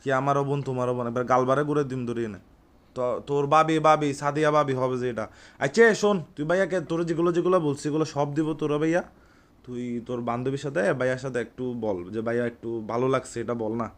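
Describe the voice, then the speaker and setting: A young man from Bangladesh, speaking with a Chittagong accent, pranks someone by phone in the role of an older brother. He's informal, repetitive and boastful, talking a little fast in a mid-range voice.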